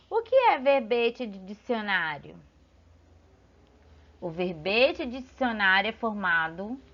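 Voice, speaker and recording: A woman's voice: mid-range voice, muffled recording. A woman teacher, patiently explaining a lesson to children and pointing things out as she goes. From Brazil.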